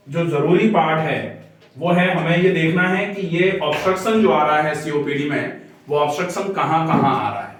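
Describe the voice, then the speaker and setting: A male doctor explains a lesson patiently, one step at a time. His voice sits a little high, and he sounds set back from the mic. The room rings with a heavy echo. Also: far from the mic. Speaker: doctor teaching a health lesson. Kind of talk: explanatory lecture drawing on a board. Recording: echoey room, voice from away from the mic.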